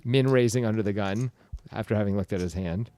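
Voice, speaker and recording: A man's voice: lowish voice, brisk. A man commentating a poker game in a casual, playful way, calling hands and teasing his co-host. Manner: playful, teasing, bursts of excitement.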